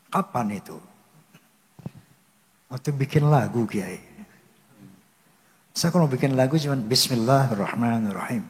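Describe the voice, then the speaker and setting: A man's voice: mid-range voice, a little mellow. An older man telling a personal story to a cleric in an earnest, devout way, often breaking into religious exclamations. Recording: long hall reverb.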